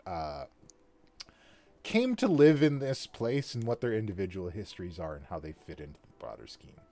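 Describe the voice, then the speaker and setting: A man hosting a casual chat about building a fantasy world, talking in a lively way with frequent laughs and restarts. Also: lowish voice, moderate pace. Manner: animated, laughs often, trailing restarts. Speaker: podcast host and worldbuilder.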